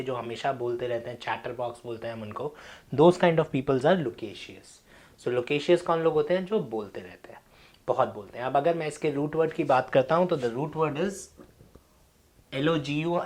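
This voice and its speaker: A young Indian man teaches English words in a relaxed lesson, moving back and forth between Hindi and English. His pitch sits in the middle. He reads book passages slowly and deliberately, then speeds up to explain them in his own words. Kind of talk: classroom-style vocabulary lesson.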